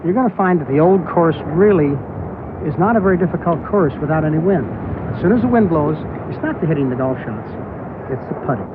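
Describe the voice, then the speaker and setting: A man with a fairly high voice offers golf commentary in a conversational analyst's style. The broadcast sound is tinny, with clear noise behind it. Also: lively intonation, fairly quick. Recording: tinny, noisy outdoor TV broadcast.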